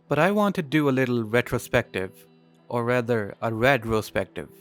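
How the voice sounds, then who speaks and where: Male game reviewer, medium pitch, scripted video essay narration with backing music. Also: animated, moderate pace.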